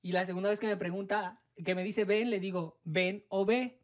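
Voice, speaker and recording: Animated woman telling a story. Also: medium pitch, fairly quick. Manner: animated, theatrical storytelling with sing-song sound effects. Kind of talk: casual chat.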